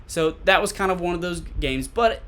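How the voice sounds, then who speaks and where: A man's voice: high voice, moderate pace, a bit bright. A man giving casual solo sports commentary as a podcast host, conversational and repeating points for emphasis. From Tennessee, USA.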